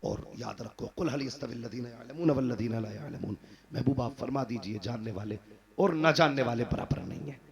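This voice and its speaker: A man preaching a fervent religious sermon, swinging from loud exhortation to low, earnest tones. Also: lively intonation, moderate pace, vocal fry, crowd noise. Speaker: Islamic preacher. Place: madrasa gathering.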